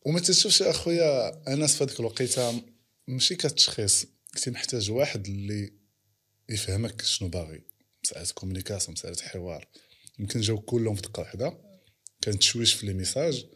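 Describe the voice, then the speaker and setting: Male interviewer, Moroccan accent, rough husky voice, quick delivery, casual conversation. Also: on the low side, sharp tone. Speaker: interview host.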